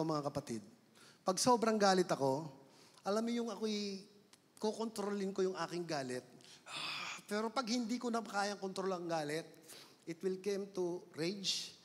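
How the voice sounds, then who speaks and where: A man's voice: high-pitched, lively intonation, normal speed. A man with a Filipino accent preaching a sermon in a church, switching between Tagalog and English and stretching out words for emphasis. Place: church hall. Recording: long church hall reverb.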